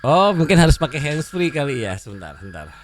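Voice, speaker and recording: A man's voice: on the high side, very animated, fast, a little hiss or hum. A man chatting casually to camera, rambling in slang and bantering with a child nearby. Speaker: content creator.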